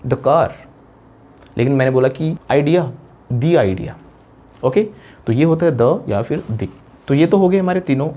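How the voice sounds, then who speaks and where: A man from India teaching English grammar in a classroom style, explaining step by step, asking rhetorical questions and slowing down for English examples in an Indian English accent. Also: medium pitch, a little mellow.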